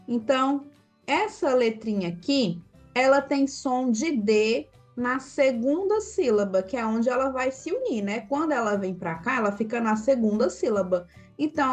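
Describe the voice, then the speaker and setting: A woman teaches a beginner language lesson in an unhurried, patient way. Her voice sits a little high, and she lingers on each example sound. Faint music plays quietly behind her. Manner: patient, asks learners questions and answers them; draws out example syllables slowly. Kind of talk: slide-based language lesson.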